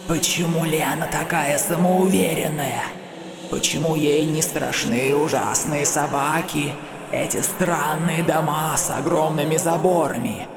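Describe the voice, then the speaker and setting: A narrator voicing a monstrous living mass of human flesh in a demonic, inhuman layered voice, chewing slowly on each word, over a horror audiobook. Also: mid-range voice, fairly even intonation, crowd noise. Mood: accusing. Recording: loud music underneath. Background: loud music.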